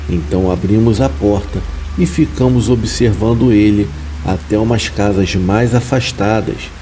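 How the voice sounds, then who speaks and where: A man reading a horror story aloud in a calm, measured scripted narration. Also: lowish voice, rough recording.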